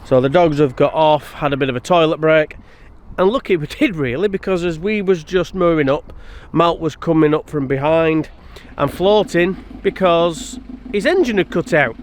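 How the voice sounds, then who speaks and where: A man's voice: a little high, moderate pace, hardly any pauses. A man chatting casually to camera for a vlog, outdoors on a canal boat. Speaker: narrowboat vlogger. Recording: idling engine noise, outdoors.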